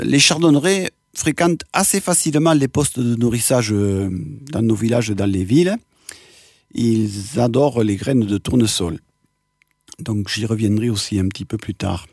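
A man presenting wildlife in an informal nature-documentary style, explaining didactically and pausing to reword as he goes. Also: medium pitch, a little mellow, no room sound, clean studio sound. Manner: didactic, pausing to search for words and reformulate. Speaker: bird presenter giving a talk.

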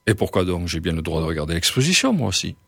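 A man's voice: deep voice, very animated, quick pace, vocal fry, a bit bright, slightly rough, dry recording, clean studio sound, heavily acted. A man voicing a proud, indignant old man who refuses to be thrown out. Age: older. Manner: indignant, defiant.

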